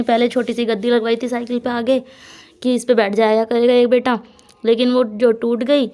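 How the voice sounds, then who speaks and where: A young woman from India narrating her family vlog in a chatty, casual way, laughing now and then. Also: mid-range voice. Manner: chatty, laughs often, talks warmly to her small children. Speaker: vlogger and mother.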